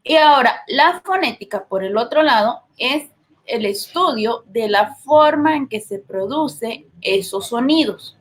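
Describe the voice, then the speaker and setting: A woman teacher with a Guatemalan accent explaining a lesson, checking in with tag questions and pausing on fillers. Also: on the high side, animated. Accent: Guatemalan Spanish. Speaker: literature teacher. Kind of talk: recorded class lesson.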